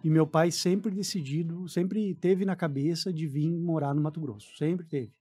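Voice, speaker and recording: In a radio studio, a forty-something man with a southern Brazilian accent tells his story in a casual interview. His pitch is a little high, his tone steady and dark, and his pace normal.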